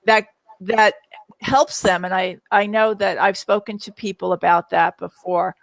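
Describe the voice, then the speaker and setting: A middle-aged woman, appearing as a guest parent and seasoned product user, answers viewer questions in a live Q&A, chatting casually, sharing anecdotes, and repeating her words. Her mid-range voice is steady and measured with vocal fry, recorded with no echo.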